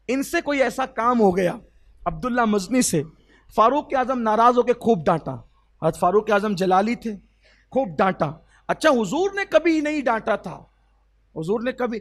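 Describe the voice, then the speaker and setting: High-voiced emotional Urdu preacher, man. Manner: emotional, swells to loud exclamations and drops to soft; asks the audience rhetorical questions. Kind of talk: sermon storytelling.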